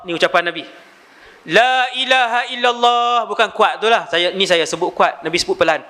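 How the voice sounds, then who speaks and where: High, bright-voiced male preacher. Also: fast talker. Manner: animated storyteller, asks audience rhetorical questions. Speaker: Islamic preacher. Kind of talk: live religious lecture.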